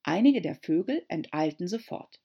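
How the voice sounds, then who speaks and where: A woman's voice: lowish voice, lively intonation, moderate pace, vocal fry, husky, dull audio. A woman narrating a children's storybook as an audiobook reader. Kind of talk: audiobook reading.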